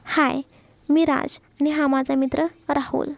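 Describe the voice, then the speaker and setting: A woman's voice: high-pitched, level tone, unhurried, vocal fry, dry recording. Woman voicing an eager young college guy.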